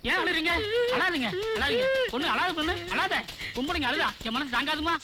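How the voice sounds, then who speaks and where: A man's voice: very high-pitched, lively intonation, brisk, noisy background. An actor playing a comic, smitten middle-aged widowed father who keeps blurting startled exclamations. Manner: exclamatory, with frequent startled "aa" interjections. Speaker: widowed father, film character. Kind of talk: Tamil film comedy acting.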